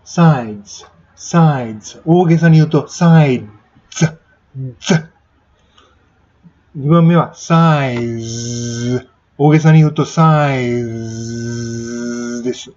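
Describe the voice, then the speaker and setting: Guy chatting through a pronunciation lesson, mellow voice, drawing sounds out big, kinda muffled audio. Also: a little high, a little fast, few pauses. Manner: chatty, demonstrates sounds with exaggerated repetition. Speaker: English pronunciation teacher. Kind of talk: casual spoken lesson.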